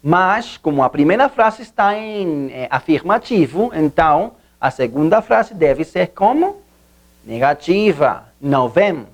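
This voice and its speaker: Lively language teacher. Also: mid-range voice, a little slow. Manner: patient, repetitive explaining with rhetorical questions to viewers. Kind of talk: online grammar lesson.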